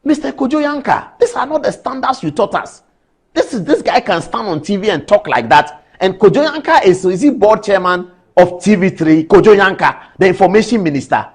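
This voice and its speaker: A Ghanaian man hosts a televised commentary and scolds with rhetorical questions. His pitch swings widely. A faint husk sits on his voice. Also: expressive, fairly quick, slightly rough. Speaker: TV show host.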